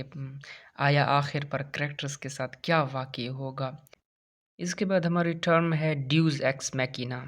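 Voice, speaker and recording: A literature teacher giving a recorded lecture, explaining terms step by step and reading English definitions aloud. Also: medium pitch.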